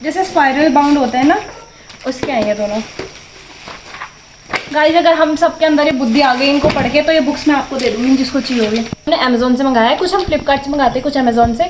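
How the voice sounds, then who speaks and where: Young woman, home vlogger, high bright voice, giggly storyteller, echoey room, faint hiss. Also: brisk. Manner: giggly, chatty, breaks into laughter telling stories. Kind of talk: casual vlog chat and storytelling. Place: home, kitchen.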